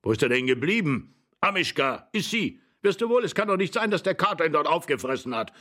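A fussy old husband shouts hoarsely, his pitch raised and bouncing with agitation, as a male reader puts him on. He scolds and calls for help in a husky, worked-up voice. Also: fairly quick, heavily acted. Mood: agitated. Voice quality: hoarse with excitement.

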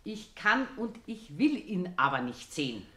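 A woman's voice: fairly low pitch, very animated, a little slow, fairly bright tone. A woman with a Bavarian accent playing an impatient, scolding housewife in a radio play. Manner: scolding, exasperated. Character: sharp-tongued landlady, impatient and scolding. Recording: roomy studio recording.

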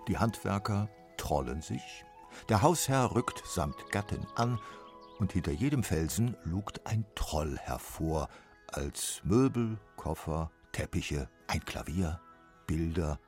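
A man narrating a children's story in a lively, expressive way. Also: sits low, slow pace, soft background music.

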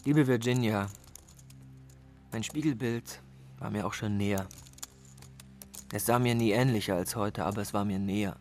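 An actor in a radio play voicing a cynical man who calls himself a professional of love. He lectures sardonically and swings between hushed asides and emphatic bursts. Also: fairly low pitch, normal speed, long pauses, faint music behind, natural voice.

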